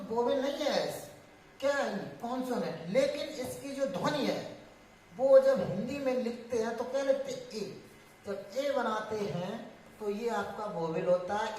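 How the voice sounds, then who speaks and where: A woman's voice: on the high side, a little slow, darkish tone, distant mic. A woman teaching English grammar, stopping to ask the class questions and answer them herself. She sounds heavily echoey and set back from the mic, with a faint hum of room ambience behind her. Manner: repeats and restarts, asks and answers own questions. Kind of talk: classroom explanation.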